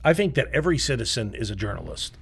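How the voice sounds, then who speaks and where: A man's voice: mid-range voice, sing-song, fast talker, vocal fry, breathy edge. A man co-hosting a podcast debate, talking emphatically and firing off rhetorical questions in a studio. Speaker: podcast co-host.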